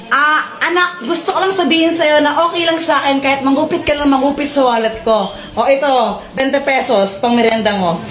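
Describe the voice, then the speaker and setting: A woman's voice: high voice, brisk. A woman voicing an exasperated mother who nags her mischievous son about stealing from her wallet. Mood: soft. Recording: echoey room with loud music.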